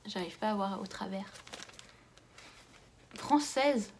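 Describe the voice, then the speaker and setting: A young woman unboxes a parcel of books on her vlog, gushing out loud over each gift and murmuring to herself between items. Her voice sits at an everyday middle pitch. Faint background hiss and small clicks run under the recording. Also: slow pace. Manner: gushing, exclamatory. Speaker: book vlogger. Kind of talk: casual unboxing chat.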